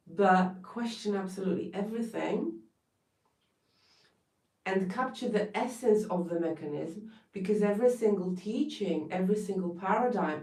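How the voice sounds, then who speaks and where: A Polish wellness coach with a Polish accent gives an emphatic, blunt motivational talk on a live stream, swearing now and then for emphasis. Her voice is on the low side and dark in tone, and she sounds distant from the mic in a roomy space.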